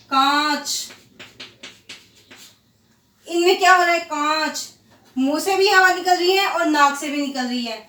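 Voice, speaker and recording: A woman teacher giving a grammar lesson to children, slowly repeating example words and answering her own questions. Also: high-pitched, sharp tone, recorded from a distance, slight background noise. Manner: slow, drawn-out repetition of example words; asks questions and answers them herself. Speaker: school teacher. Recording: echoey room, voice set back from the mic.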